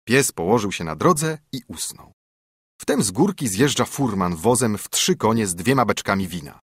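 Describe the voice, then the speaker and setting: A man reading a fairy tale aloud, expressive storybook narration on a close mic. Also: fairly low pitch, normal speed, breathy edge, no echo.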